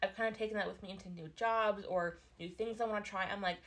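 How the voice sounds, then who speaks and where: A woman's voice: mid-range voice, fairly even intonation, fast, a bit bright. A young woman recorded in an attic, talking casually and reflectively as a podcast co-host, in a reassuring way. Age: young adult. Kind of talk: casual personal chat.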